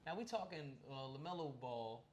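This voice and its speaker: A man's voice: medium pitch, expressive, normal speed, a little hiss or hum. A man co-hosting a podcast, chatting casually and animatedly about basketball, often asking questions. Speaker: podcast co-host. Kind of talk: casual sports chat.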